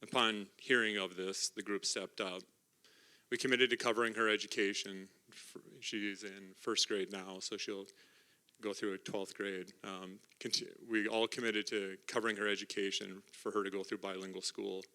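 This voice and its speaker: A middle-aged man giving an emotional church testimony about a mission trip, partly reading from notes, earnest and halting with restarts. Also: fairly low pitch, flat delivery, sharp tone. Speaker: mission trip team member sharing testimony. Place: church sanctuary.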